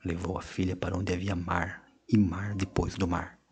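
Male narrator, audiobook, very low voice, measured expressive reading, some hushed passages. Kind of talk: scripted narration.

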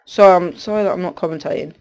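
Here the congested teenage commentator talks fast in a high, creaky voice. His casual gameplay chatter rambles along, full of distracted, half-finished sentences.

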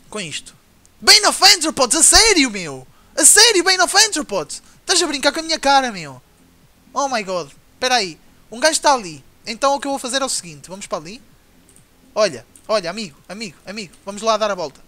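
A man with a European Portuguese accent giving excitable live gameplay commentary, mockingly taunting his opponents. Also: very high voice. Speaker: gamer.

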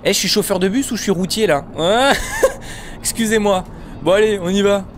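A man giving casual, joking commentary while playing a bus driving game, with his voice jumping up in pitch when excited. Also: moderate pace, a little hiss or hum. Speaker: gaming video creator.

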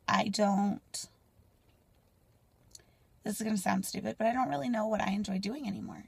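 A woman in her twenties talking candidly to a phone camera in a car, rambling and sometimes dropping to a soft near-whisper. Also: mid-range voice, steady tone, normal speed, gravelly, breathy edge. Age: 20s. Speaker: mom vlogger. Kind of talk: casual personal vlog. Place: parked car, indoors. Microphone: phone camera at arm's length.

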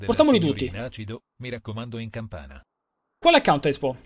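Young streamer, high voice, casual joking banter with chat, loose and profane. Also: male voice, wildly swooping pitch, a little slow. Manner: rambling, joking, swearing, talks to chat. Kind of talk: live gaming stream chat.

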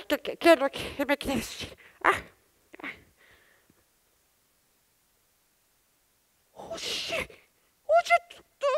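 A woman's voice: very high-pitched, sharp tone, full character voice. An actress with a Chilean accent playing an elderly woman who dotes on her houseplants, stammering and chatting back to them on stage. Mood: indignant. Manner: endearments, stammering restarts, talks back to unseen plants. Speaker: stage actor. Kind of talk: theatre monologue. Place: theatre stage.

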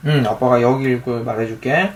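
A man's voice: medium pitch, steady tone, brisk, slight background noise. A father reading a picture book aloud to his young child, patiently asking her questions as he reads.

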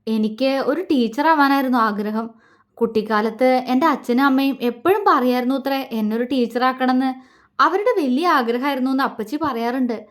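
A woman narrator voices a timid, tearful orphan girl in a read-aloud love story. She speaks softly and sadly, in a voice a little above the usual pitch. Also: a little fast, natural voice. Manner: soft, subdued.

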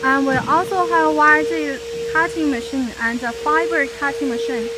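A woman from a company's sales team walking viewers through the factory in simple, halting phrases with pauses. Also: high-pitched, heavy background noise. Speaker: sales representative giving a factory tour. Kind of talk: casual guided tour narration. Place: large factory workshops and yard.

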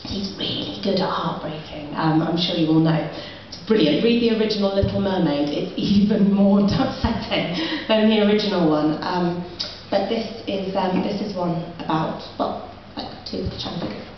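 A woman's voice: lowish voice, normal speed, hardly any pauses. Young woman, poet, self-mocking chat, muffled live room sound, faint background hum. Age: young adult. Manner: chatty, self-mocking, giggles through lines. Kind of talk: stand-up spoken word set. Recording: muffled, very echoey, from far off.

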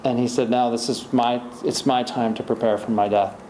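This middle-aged author speaks at normal speed in a steady, mellow, mid-range voice while answering questions at a library talk, rambling and restarting frequently. The podium microphone and distant camera pick up hall echo and a faint hiss in the indoor event room.

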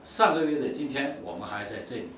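A man, a film director, giving halting, informal remarks at an exhibition, with frequent fillers and pauses. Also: medium pitch, lively intonation, a bit bright, slight background noise. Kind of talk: casual on-site remarks. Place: large indoor exhibition hall. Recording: echoey hall from far off.

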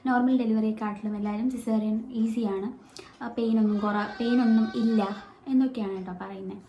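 A Malayali-accented vlogger speaks briskly in a fairly high, steady voice, the highs cut off, as she recounts a personal story with plenty of fillers and restarts. She's at home beside her baby, using no microphone, in an echoey room with faint noise.

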